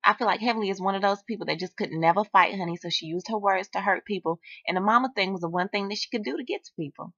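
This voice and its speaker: A woman's voice: mid-range voice, racing, hardly any pauses, a bit bright, slightly rough, dry recording. A woman hosting a reality TV recap in a sassy, chatty style, calling her viewers "honey.". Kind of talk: casual commentary. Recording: dull lo-fi, dry.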